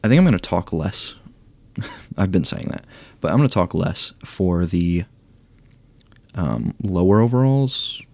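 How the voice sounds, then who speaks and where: Deep gravelly young man, hoarse. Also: big pitch swings, unhurried, a little mellow, dry recording. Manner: low-key, thinking aloud, reading stats. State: losing his voice, hoarse. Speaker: gaming YouTuber ranking cards. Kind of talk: casual commentary.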